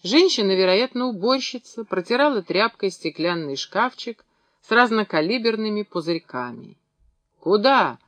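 A man narrating a novel as an audiobook, in a calm, even reading manner. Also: high-pitched, moderate pace, dry recording. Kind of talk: scripted narration.

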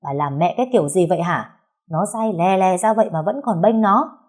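A woman voicing a shrill, outraged older mother-in-law who wails and shouts for the neighbors. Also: fairly quick, lightly acted. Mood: furious.

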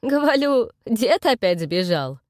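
Brief: a gruff big bandit guy in a storybook, barking and rough, as a woman puts him on. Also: fairly high pitch, sing-song, takes it slowly, a little mellow, no echo, studio quality, pitched above the performer's own voice. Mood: mocking. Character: gruff burly male bandit, flustered.

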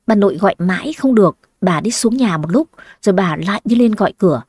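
A woman telling a first-person family story, lively with dramatic exclamations. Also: medium pitch, fast talker, husky, no echo, clean studio sound.

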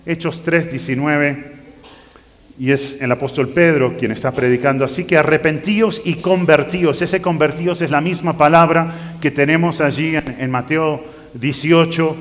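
Expressive male preacher in a hall. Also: on the high side, normal speed. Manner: expressive, rising to emphatic bursts on scripture. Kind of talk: sermon. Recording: long reverb of a hall.

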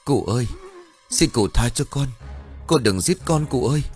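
A man's voice: medium pitch, expressive, normal speed, darkish tone, faint music behind, pitched above the performer's own voice, natural voice. A man voicing a desperate young male servant who begs tearfully for mercy. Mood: pleading, desperate. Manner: tearful begging.

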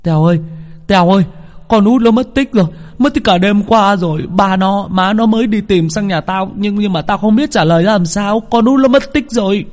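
A man's voice: high-pitched, brisk, long reverb tail, voice pushed up, lightly acted. A man voicing a frightened young village boy who stammers in panic. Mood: panicked.

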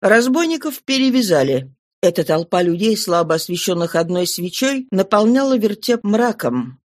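An audiobook narrator reading a classic novel at an even, steady pace, in a mid-range voice. The recording is close and dry, with no room sound. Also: mid-range voice, normal speed, no room sound.

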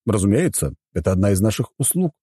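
A man voicing a composed young male hotel butler who speaks calmly and courteously with a faint menace, in an audiobook. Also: fairly low pitch, quick pace, husky, no room sound, studio quality.

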